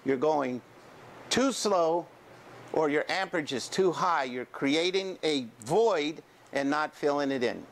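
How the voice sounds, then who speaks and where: A man's voice: on the high side, lively intonation, slow, gravelly. An older man, a welding teacher, explaining steps to a class in a casual, folksy way, often checking in with "okay". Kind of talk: classroom instruction. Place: school welding shop and classroom, indoors.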